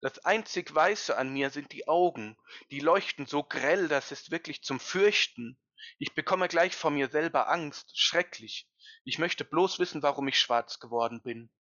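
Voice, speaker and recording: A man voicing a small, childlike storybook ghost that cries out in high, dismayed exclamations. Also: measured pace, sharp tone, no room sound. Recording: dull lo-fi, dry.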